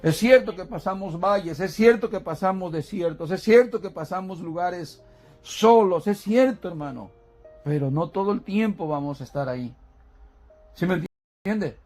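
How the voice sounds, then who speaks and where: A man with a high voice preaches a sermon in a church. He keeps putting questions to the congregation and calls them brothers, repeating and restarting words as he goes. Soft music plays faintly behind him. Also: normal speed.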